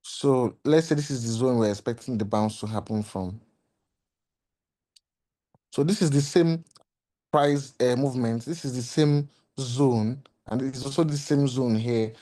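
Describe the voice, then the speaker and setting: A man with a mid-pitched, slightly hoarse voice teaches a trading lesson over his chart. He explains patiently, circles back to the same points and throws in rhetorical questions. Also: unhurried, mellow. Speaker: trading mentor. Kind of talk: screen-share trading lesson.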